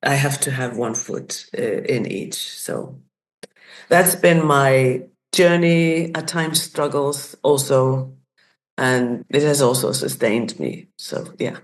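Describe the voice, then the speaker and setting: A woman in her sixties from Iceland speaks in a rumbling low voice, taking her time. As a community facilitator invited onto a podcast, she reflects on her life, thinking carefully, restarting and groping for words.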